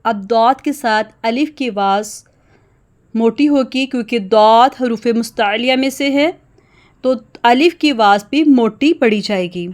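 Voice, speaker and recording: A woman teaching Quran pronunciation, explaining rules quickly and then reciting example words slowly and loudly. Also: fairly high pitch. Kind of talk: tajweed lesson.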